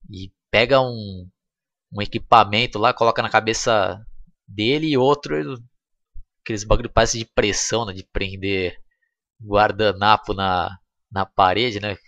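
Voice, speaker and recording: A man's voice: lowish voice, fairly even intonation, measured pace, a bit bright, no echo, highs cut off. A man with a Brazilian accent, chatty and slangy, casually retelling a film scene by scene as a reviewer and checking in with his listener again and again. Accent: Brazilian Portuguese.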